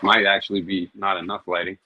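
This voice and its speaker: A man's voice: low voice, flat delivery, fast talker, lo-fi sound. A man hosting his own cooking vlog, chatting casually and thinking aloud as he grills. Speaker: cooking show host.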